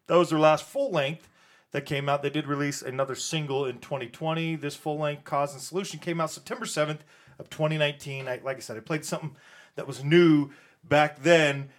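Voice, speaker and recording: Guy hosting a music radio show, kinda high voice, loose and rambly. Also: brisk. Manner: relaxed, rambling, with filler words. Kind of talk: casual radio chat introducing music.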